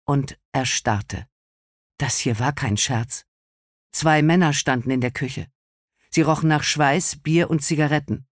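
A man reading a novel aloud as an audiobook narrator, in calm, measured storytelling. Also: medium pitch, no room sound, clean studio sound. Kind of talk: scripted narration.

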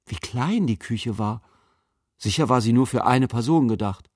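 A man narrating a fairy-tale audiobook in an expressive storytelling manner. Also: mid-range voice, moderate pace, breathy edge, dry recording, studio quality.

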